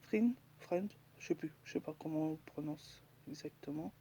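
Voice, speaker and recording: A woman's voice: low voice, monotone, fairly quick, warm tone, breathy edge. A woman chatting casually in a haul video, hesitant and full of fillers, now and then dropping to a whisper as she shows each item. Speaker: crafting vlogger.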